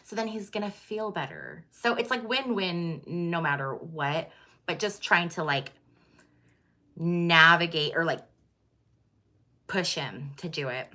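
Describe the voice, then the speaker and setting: A woman's voice: lowish voice, animated, slow pace, pauses often, bright, forceful tone. A middle-aged woman chatting candidly and casually to her viewers, with many fillers and restarts. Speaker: tarot channel host.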